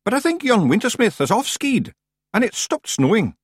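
A man reading aloud, voicing a nervous tiny fairy warrior with a squeaky voice. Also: very animated, moderate pace, husky, no room sound, clean studio sound, heavily acted.

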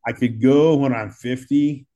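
A man's voice: medium pitch, fairly even intonation, a little slow, dark tone, lo-fi sound. A man in his thirties with an American accent, a firefighter talking earnestly in a casual chat and often repeating words as he thinks. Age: 30s. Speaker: firefighter guest.

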